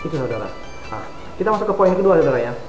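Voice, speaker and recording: A man's voice: fairly high pitch, big pitch swings, rapid-fire. A man who works as a study-abroad consultant gives advice to viewers and keeps addressing them directly as he talks. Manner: addresses listeners repeatedly as "saudara". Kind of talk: instructional talk to viewers. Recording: roomy echo with loud music behind. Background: music.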